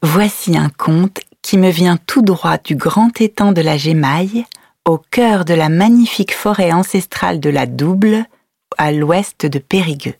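A woman's voice: lowish voice, unhurried, creaky, darkish tone, dry recording, studio quality. A woman playing a patient, tender mother who tells her children a fairy tale at bedtime. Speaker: storyteller. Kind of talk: audio story, bedtime storytelling.

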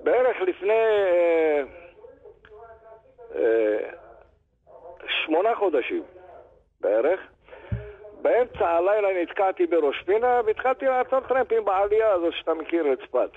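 An older man and grandfather calling in to a radio show, telling a story in an animated way and acting out the dialogue. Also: high-pitched, long pauses. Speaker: caller. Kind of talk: phone-in storytelling. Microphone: telephone. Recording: tinny phone line.

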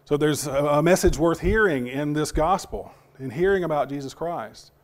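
Still regaining a partly lost voice, a man preaches to his congregation, hesitating, saying words twice, and directing questions at his listeners. His pitch is slightly high.

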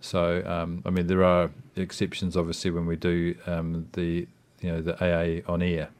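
Low-voiced New Zealand man, hesitant and reflective. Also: monotone, normal speed, a little mellow, clear, resonant tone. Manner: hesitant, rambling, reflective, with frequent "you know" and "I mean". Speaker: interview guest. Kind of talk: casual personal interview.

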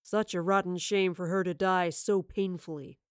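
A woman's voice: lowish voice, fairly even intonation, smooth, no room sound, clean studio sound, lightly acted. A woman doing a gloating, purring male villain. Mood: taunting. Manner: slow, purring, gloating taunts. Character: taunting cruel male villain, sly and gloating.

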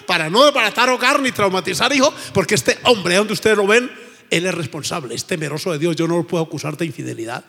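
A man's voice: high-pitched, sharp tone. A male pastor preaching an emphatic sermon in a church, with frequent praise exclamations. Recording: reverberant church hall.

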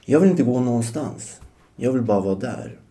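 Reflecting on his own life as a podcast guest, a man in his forties speaks in a medium-pitched, expressive and mellow voice. His personal storytelling is marked by frequent hesitation.

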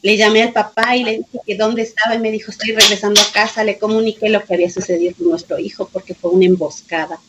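A woman's voice: medium pitch, steady tone, fast talker, hardly any pauses, noisy background. Mother telling an emotional story. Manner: emotional storytelling, reenacting dialogue, repeating phrases. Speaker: grieving mother of a police officer. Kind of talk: personal testimony in an interview.

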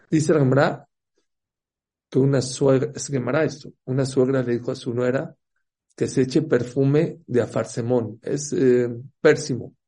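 A man's voice: mid-range voice, dark tone, breathy edge. A man gives a religious talk, telling stories, asking the listeners questions and acting out the characters' voices. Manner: storytelling, asks the audience questions. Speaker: religious teacher.

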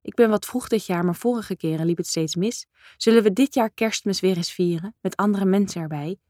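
A woman voicing a chatty middle-aged mother in an audiobook, talking briskly and sociably at the dinner table. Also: mid-range voice, dark tone, no echo, clean studio sound, close to an everyday voice. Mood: sociable.

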